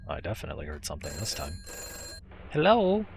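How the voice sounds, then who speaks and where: A man's voice: low-pitched, animated, normal speed, creaky, background noise. A man giving casual horror game commentary, muttering asides to himself as he plays. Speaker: video game streamer.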